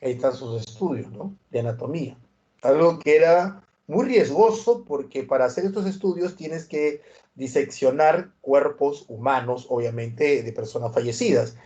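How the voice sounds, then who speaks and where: A man's voice: medium pitch, normal speed, dark tone, highs cut off. A man from Peru teaching history in a university prep lecture. He tells stories with animation and keeps checking in with tag questions.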